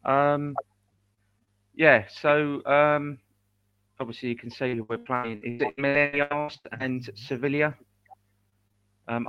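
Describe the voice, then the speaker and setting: A man on a fan podcast panel talking about a pre-season tour in a relaxed, slightly hesitant way. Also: medium pitch. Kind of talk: casual podcast chat. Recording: dull lo-fi call audio.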